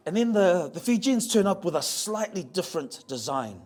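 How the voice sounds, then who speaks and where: A man's voice: sits high, very animated, a little mellow, a little hiss or hum. A man giving a public talk to a live audience, playful and joking, spelling out how words sound and getting the crowd to repeat them. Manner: spells out pronunciation slowly. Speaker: speaker on ocean voyaging heritage. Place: museum talk venue.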